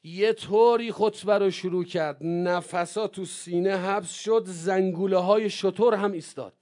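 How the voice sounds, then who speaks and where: Impassioned male preacher with a lifted voice. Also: steady tone. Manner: impassioned, swings from low murmurs to shouts. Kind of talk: mourning sermon.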